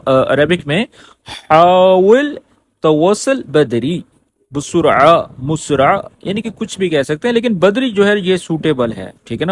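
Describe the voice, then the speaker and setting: A man teaching spoken phrases in a lesson. He explains patiently, repeats each phrase slowly and keeps checking that the listener has understood. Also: a little high, a little hiss or hum. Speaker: Arabic teacher.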